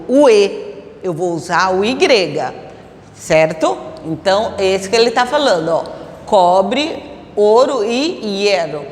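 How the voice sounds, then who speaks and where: A woman's voice: medium pitch, echoey room, in a large hall. A Brazilian Portuguese-speaking woman teaching a Spanish grammar lesson, explaining step by step and asking her students rhetorical questions.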